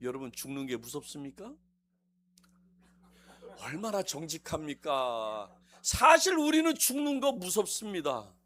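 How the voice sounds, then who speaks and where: A man preaching a sermon in a church, acting out quotes with sudden shouts and teasing the congregation between quiet asides. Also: a little high, a little slow, long pauses, slight background noise. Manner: animated, acts out quotes with shouts and mock dialogue. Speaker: district officer preaching a visiting sermon. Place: church sanctuary.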